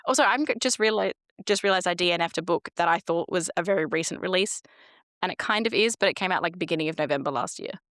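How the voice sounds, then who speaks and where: A woman co-hosts a book podcast in an informal, rambling style. Her voice is slightly low, and the recording is dry and close. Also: fast talker, a bit bright, dry recording. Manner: informal, rambling, self-quoting. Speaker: podcast co-host. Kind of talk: casual chat about books.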